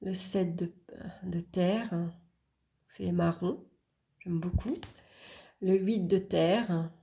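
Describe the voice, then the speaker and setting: Female host, low gravelly tone, very slow casual deck walkthrough, murmured card names. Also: steady tone. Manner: unhurried, murmuring card names while flipping, with small hesitations; warm, admiring remarks about the artwork. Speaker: channel host presenting a tarot deck.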